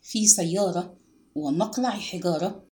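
A woman reading an audiobook and voicing a reserved retired army major, an older man who answers curtly and sharply in a lowered voice. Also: unhurried, natural voice. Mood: curt, shaken. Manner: curt, sharp.

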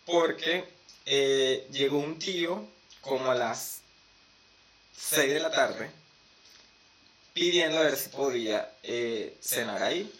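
A man's voice: medium pitch, slow, long pauses. A young man with a Venezuelan accent, telling stories in a casual, slangy chat. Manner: animated storytelling with slangy asides.

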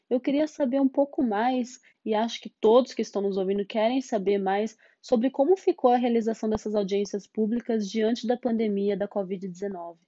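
Female Brazilian podcast host, formal public radio delivery, mellow tone, slightly lo-fi sound. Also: medium pitch, dry recording. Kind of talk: scripted podcast presenting and interviewing.

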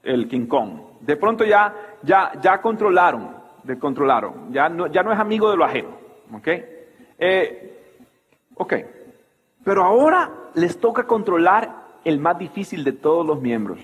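A man preaching a sermon as pastor, animated and full of rhetorical questions, in a church hall. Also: on the high side, unhurried, slightly rough.

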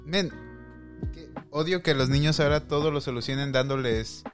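Young man, podcast co-host; teasing, opinionated, higher pitch, faint music bed. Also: normal speed. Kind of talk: casual chat.

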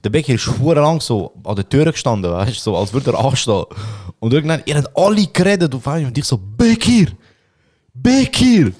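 A man's voice: mid-range voice, fast talker, few pauses. Laughing young Swiss German man telling stories. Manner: animated storyteller who acts out quotes and laughs often. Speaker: podcast co-host. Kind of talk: casual storytelling chat.

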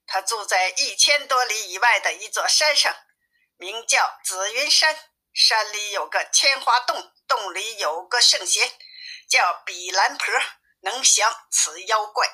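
A woman reading a classic tale aloud as a storyteller, in a plain, even manner. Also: mid-range voice, measured pace.

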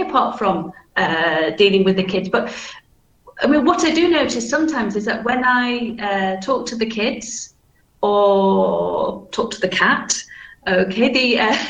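Woman, 50s, English teacher. Softened Manchester accent with flat vowels, careful explanatory delivery, roomy echo. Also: mid-range voice. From Manchester, England. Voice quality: flat vowels, strong hard g in -ing endings. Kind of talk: informal question-and-answer talk. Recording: echoey room sound.

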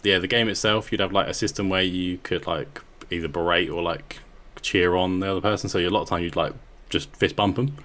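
Fast-talking deep-voiced man co-hosting. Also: steady tone, fairly bright tone. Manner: rapid, swears casually, lots of "like". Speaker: podcast co-host. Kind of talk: casual chat.

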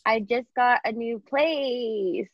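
A woman, a podcast guest with a husky just-woken-up voice, laughing and self-mocking. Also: a little high, slow, dull audio, a crowd in the background. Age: 20s. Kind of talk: casual chat.

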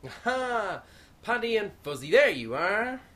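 A woman's voice: mid-range voice, sing-song, measured pace, fairly bright tone. A woman playing a vain, boastful male commander of a space station in an audio comedy. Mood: smug. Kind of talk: comic radio-play acting.

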